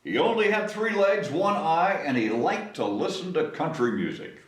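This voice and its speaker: With a fairly high, expressive voice at normal speed, a male host reads a picture book aloud for children's story time. Playful and coaxing, he stretches words and encourages participation, recorded from afar in an echoey room.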